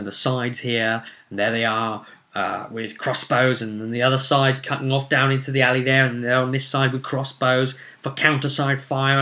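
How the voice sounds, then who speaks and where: A man with a mid-range, pushed, bright voice recaps a tabletop fantasy game as its game master and series presenter. He tells it casually yet dramatically, slipping in wry asides.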